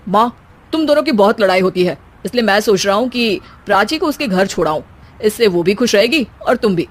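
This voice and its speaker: A woman voicing an exasperated young husband who scolds wearily and wryly in an animated family comedy story. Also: medium pitch, brisk, close to an everyday voice. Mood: weary, scolding. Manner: weary, scolding, wry. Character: exasperated young husband refereeing wife and mother.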